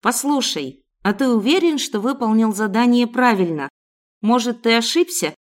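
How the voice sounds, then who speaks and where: A woman voicing a sharp-tongued young captive woman answering back defiantly. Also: a little high, normal speed, natural voice.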